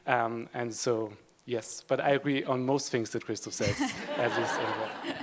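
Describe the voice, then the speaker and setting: A man's voice: medium pitch, measured pace. Hesitant man on a panel. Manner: hesitant, many fillers and restarts. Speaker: politician. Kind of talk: panel talk at a conference.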